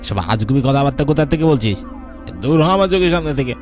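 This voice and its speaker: A man playing a gruff, scolding village headman in a cartoon ghost story, with a brusque, commanding manner. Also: medium pitch, expressive, rapid-fire, darkish tone, natural voice. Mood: scornful, impatient. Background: prominent background music.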